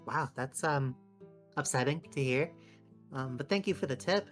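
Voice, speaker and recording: A woman with a low voice plays a tabletop roleplaying game. Her talk is casual, improvised banter, with light music behind her. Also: normal speed.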